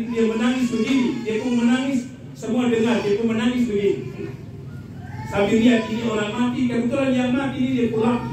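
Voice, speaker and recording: A male pastor, telling jokes in a lively sermon and asking the congregation for amens. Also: extremely high pitch. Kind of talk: humorous Christmas sermon. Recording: echoey hall from far off, noisy.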